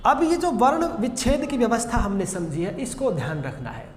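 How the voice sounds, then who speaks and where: A man teaching a grammar lesson in a classroom style, explaining slowly and repeating the key points. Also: extremely high pitch, huge pitch swings. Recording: echoey room with long reverb, faint noise.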